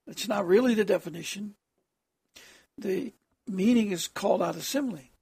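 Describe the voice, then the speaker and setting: Harsh, hoarse preacher with a gravelly rasp. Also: medium pitch, a little mellow, dry recording, clean studio sound. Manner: halting, with frequent throat clearing. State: hoarse, having trouble with voice, clearing throat. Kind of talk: extemporaneous sermon addressed as prayer.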